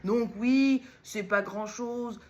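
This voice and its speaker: A woman's voice: fairly high pitch, slow pace, darkish tone, lo-fi sound. Rambling, self-mocking woman vlogger. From Lyon, France. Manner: rambling, self-mocking, jumps between topics. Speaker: vlogger and entrepreneur. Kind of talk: casual direct-to-camera talk.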